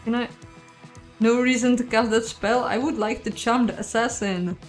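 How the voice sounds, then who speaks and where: A woman's voice: a little high, fairly even intonation, normal speed, faint music behind. A woman playing a story game, reading its text aloud with casual asides and the odd curse. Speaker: game streamer. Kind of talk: voiced game playthrough.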